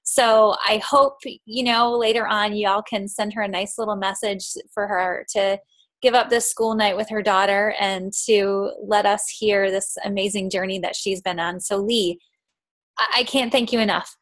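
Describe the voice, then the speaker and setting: A woman's voice: medium pitch, fairly even intonation, moderate pace, a bit bright, no room sound. A woman hosting a casual group call, introducing a guest in a grateful, encouraging way.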